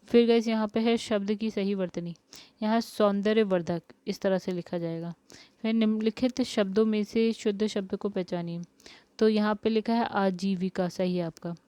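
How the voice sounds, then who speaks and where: A woman teacher leads an exam-prep spelling lesson, posing each question and then explaining the answer step by step. Her voice is smooth and resonant at a middling pitch. The recording is close and dry. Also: fairly even intonation, moderate pace, mellow, no echo.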